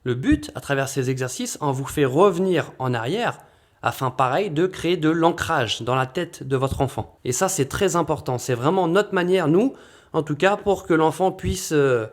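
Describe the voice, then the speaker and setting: A man's voice: a little high, expressive, moderate pace. A man presenting a children's book in a casual walkthrough, chatty, sounding out letter names and often asking "d'accord?". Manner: chatty, repeats "d'accord" and "vraiment". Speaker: bookshop presenter.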